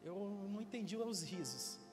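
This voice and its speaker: A Brazilian pastor in his twenties preaching a sermon with loud swells and calls for amens. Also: high-pitched, lively intonation, normal speed, big-room sound, music in the background. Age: 20s. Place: church hall.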